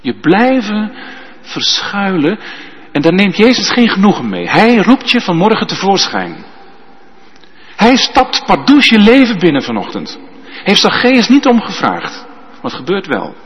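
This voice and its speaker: Slow, emphatic man preaching in a church. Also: high voice, huge pitch swings, slightly rough. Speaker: pastor. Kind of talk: sermon. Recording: dull sound with long church reverb.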